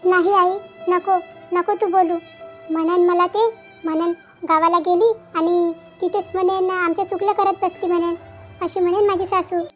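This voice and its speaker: A woman voicing a troubled young married daughter in a cartoon. She talks in a hesitant, pleading way with halting restarts. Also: extremely high pitch, fairly even intonation. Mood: tearful. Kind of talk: Marathi cartoon voice acting. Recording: dull lo-fi with faint background music.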